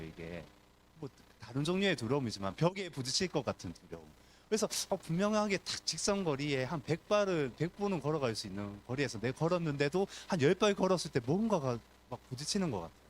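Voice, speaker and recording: A man's voice: mid-range voice, slight background noise. A man, a pastor, preaching a sermon at a church service and acting out the voices in the story. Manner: animated preaching, acts out crowd and beggar voices.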